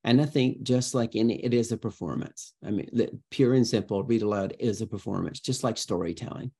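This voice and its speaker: This man speaks in a lowish, slightly fast voice with a creaky, breathy edge. As a guest educator in an interview, he answers conversationally, dramatizing his examples with the emphatic flair of a storyteller.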